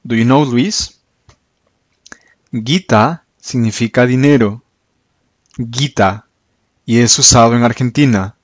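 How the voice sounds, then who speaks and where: Male teacher, very slow and careful, repeats each term, dry close sound. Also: medium pitch, no echo. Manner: repeats each word slowly and clearly, then translates. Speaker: language teacher. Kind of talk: slow, careful vocabulary lesson.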